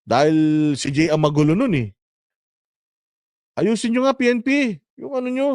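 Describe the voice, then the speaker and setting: A man's voice: on the high side, lively intonation, normal speed, a little mellow, no echo, studio quality. A man hosting his own vlog, delivering a sarcastic political commentary rant and swearing often. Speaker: vlogger host.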